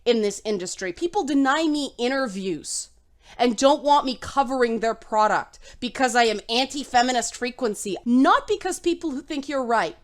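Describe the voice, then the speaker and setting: High-voiced indignant accusing woman acted out. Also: animated, moderate pace, close to an everyday voice.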